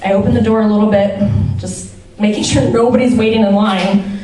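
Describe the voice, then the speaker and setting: A woman telling a funny personal story on stage, animated and self-mocking, laughing as she goes. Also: mid-range voice, fairly quick, far from the mic. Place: stage before a live audience. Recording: roomy hall, mic from afar, audience. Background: audience laughter.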